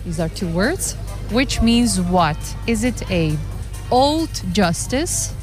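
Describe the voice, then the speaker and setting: A woman's voice: medium pitch, sing-song, takes it slowly, a little mellow, faint music behind. A woman co-hosting a radio quiz, cheerful as she reads the options. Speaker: co-host.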